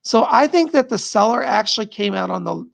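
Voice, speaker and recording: A middle-aged man who hosts a psychic show chats casually from home, reading out viewer comments on a live stream, rambling and laughing a lot. His voice is high, expressive, a little fast and gravelly, strained and tired as he loses it. There's no room sound.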